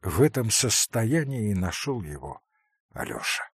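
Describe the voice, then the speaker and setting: Slow, husky male audiobook narrator. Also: medium pitch, no echo, studio quality. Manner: dramatic, expressive reading. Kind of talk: expressive literary narration.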